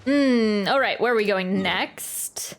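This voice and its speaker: A woman game streamer offers casual, chatty live reactions while she plays, with video game music behind her voice. She speaks slowly in a medium-pitched voice.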